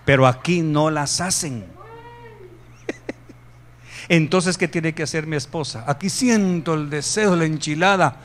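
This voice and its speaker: A man from Guatemala preaching a sermon, animated, jumping to loud emphasis and joking asides with the congregation. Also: fairly high pitch, unhurried, long pauses, a little hiss or hum. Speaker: pastor.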